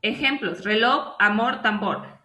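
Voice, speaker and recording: A woman's voice: medium pitch, slow, sharp tone, echoey room, slight background noise. A woman student presenter reading a class presentation, listing examples one by one. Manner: reads definitions and lists examples one by one.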